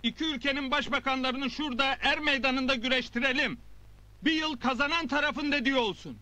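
A man's voice: very high-pitched, brisk, crowd noise. A man acting a middle-aged, earnest and headstrong newspaper reporter in a comedy film. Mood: earnest speech-making.

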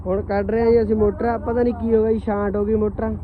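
High-pitched Punjabi man vlogging. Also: level tone, fast, narrow, tinny audio. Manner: colloquial, chatty, tossing questions to companions. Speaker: vlog host. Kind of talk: casual outdoor vlog chat with bystanders. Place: outdoors on a farm. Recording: some outdoor ambient and engine noise.

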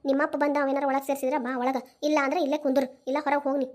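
A high-pitched, slightly mellow voice close to everyday speech delivers flat, rapid-fire lines as a stern old village mother in a cartoon. The woman scolds and lectures bitterly, unforgiving, in a North Karnataka Kannada accent.

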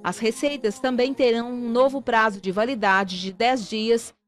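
A woman reading a scripted lesson for pharmacy assistants in a steady, even way. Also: a little high, moderate pace. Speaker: course narrator. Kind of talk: scripted instructional narration.

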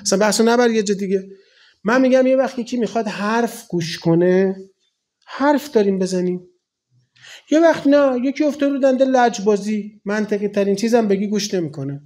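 A man's voice: high-pitched, dark tone. A man in his forties from Iran, a cleric giving a colloquial, conversational sermon full of rhetorical questions. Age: 40s.

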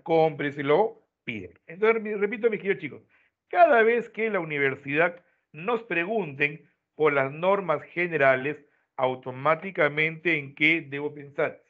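A man teaching an online class, explaining step by step and ending his points with quick checks to his students. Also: a little high. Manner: explains step by step, tags lines with "¿no?". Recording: tinny phone-like online audio.

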